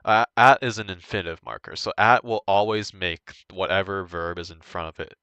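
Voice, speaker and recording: A young man giving an informal language lesson, thinking aloud in a halting way and correcting himself as he goes. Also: sits low, pushed and bright, clear, resonant tone, no room sound, highs cut off. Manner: hesitant, halting, self-correcting. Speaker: language tutor.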